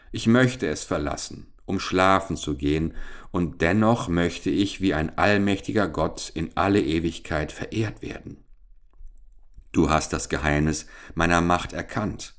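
A man reading the lines of a proud, ancient male scientist-king in a solemn, imperious tone. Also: sits low. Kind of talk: audiobook character reading.

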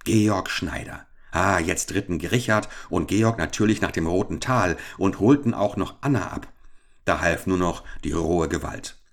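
A man narrating an old adventure novel as an audiobook, with steady, dramatic storytelling. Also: low voice, normal speed.

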